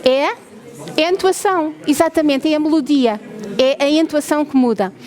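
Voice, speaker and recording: Woman, European Portuguese accent, high voice, researcher giving an explanatory talk, quizzes listeners. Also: normal speed, darkish tone. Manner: asks the audience questions, checks with "ok?". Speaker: researcher presenting a lab.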